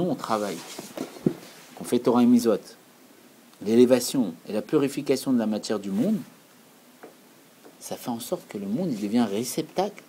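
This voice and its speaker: A man's voice: mid-range voice, mellow, a little hiss or hum, poor audio. A man giving an earnest, explanatory Torah lesson, repeating key phrases for emphasis. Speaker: Torah teacher.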